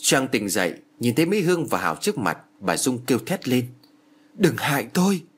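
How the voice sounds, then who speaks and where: A man narrating an audiobook story in an expressive, dramatic way. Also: medium pitch, fairly quick, husky.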